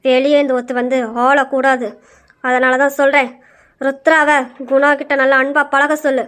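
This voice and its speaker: A woman's voice: sits high, flat delivery, moderate pace, a bit bright. A woman voicing a domineering old grandmother who rules a wealthy household and schemes against her family. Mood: commanding. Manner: commanding, scheming.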